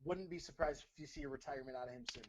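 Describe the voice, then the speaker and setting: A man's voice: a little high, very animated, racing, creaky, a little hiss or hum, poor audio. A man co-hosting a sports podcast, giving blunt takes and often repeating himself. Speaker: podcast co-host. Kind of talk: casual sports talk.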